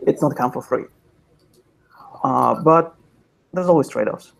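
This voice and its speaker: Over a video call from an office with an orange wall, an industry panelist answers a question, picked up by his webcam. His mid-range voice is gravelly and a little slow, and he comes across as thoughtful and pragmatic, frequently restarting his sentences.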